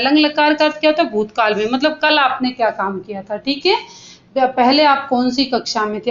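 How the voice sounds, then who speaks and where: A woman with a high voice teaches Sanskrit grammar to schoolchildren, drilling verb forms and answering her own questions. She speaks to the pupils with affection and has them repeat after her. The recording sounds a little dull and muffled. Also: fairly bright tone. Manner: affectionate, addresses pupils as "beta". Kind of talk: online grammar lesson for children.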